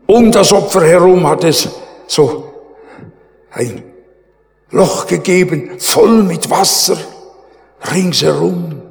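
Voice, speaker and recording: A man's voice: on the high side, takes it slowly, gravelly, long pauses. A man preaching a sermon, retelling a Bible story dramatically and calling his listeners friends. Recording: echoey hall with long reverb.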